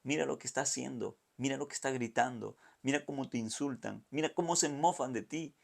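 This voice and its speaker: A man's voice: mid-range voice, fairly quick, gravelly. A man voicing the enemy spirit who insistently taunts and goads Jesus on the cross. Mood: taunting.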